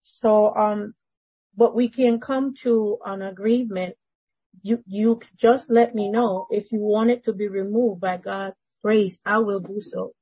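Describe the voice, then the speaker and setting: A woman at a church meeting earnestly explaining her view, often pausing and searching for words. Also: mid-range voice, fairly even intonation, slightly rough, dry recording. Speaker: church member. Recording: dry, dull lo-fi recording.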